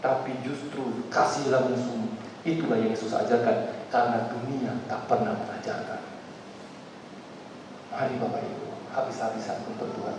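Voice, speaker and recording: A man pastor preaching a lively sermon, acting out the voices of the people he quotes. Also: mid-range voice, moderate pace, background noise. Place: large church hall. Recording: echoey church hall, far from mic.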